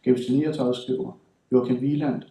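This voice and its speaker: A man's voice: medium pitch, little pitch movement, creaky, dark tone, far from the mic. Man reading in a roomy hall. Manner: measured, deliberate delivery with slow emphatic stretches. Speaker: author reading his own work. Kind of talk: literary reading. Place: reading hall at a writing school.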